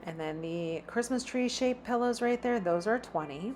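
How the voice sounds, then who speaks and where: A woman's voice: fairly high pitch, lively intonation, normal speed, a little mellow, slight background noise. A woman chatting casually as she browses a store, reading out prices as she walks. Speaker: shopping vlogger. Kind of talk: casual shop-with-me narration. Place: inside a large store.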